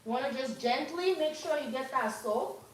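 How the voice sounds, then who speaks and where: A woman's voice: sits high, normal speed. A woman hair care instructor teaching a live hands-on demonstration at a salon wash sink, chatty and coaching. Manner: coaching, chatty, turns loud and upbeat when excited. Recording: very echoey room, distant mic, faint noise.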